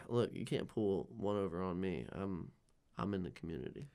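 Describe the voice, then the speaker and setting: Joking young man, low voice. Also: moderate pace, gravelly, smooth. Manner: jokey, animated, swings loud and quiet. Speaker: podcast co-host. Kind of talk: casual chat.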